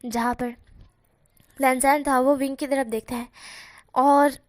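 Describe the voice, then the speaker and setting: A woman tells a fanfiction story in a loose, chatty way and keeps stepping aside to talk to her listeners. Her voice is high and light. The recording is dry and close to the mic. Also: fairly even intonation, unhurried, dry recording. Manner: chatty, breaks off to explain to viewers. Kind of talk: casual fanfiction narration.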